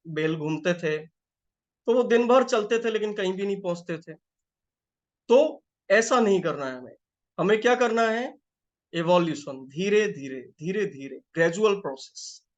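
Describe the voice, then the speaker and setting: Feeling slightly unwell, a man working as a life coach teaches a live group in a chatty way, checking that everyone keeps up and repeating his phrases. His voice is high and a bit bright, and the audio sounds dull.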